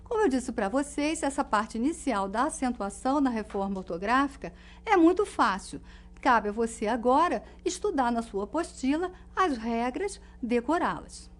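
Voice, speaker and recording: A woman teaching a recorded lesson, explaining clearly and saying example words slowly for emphasis. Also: a little high, animated.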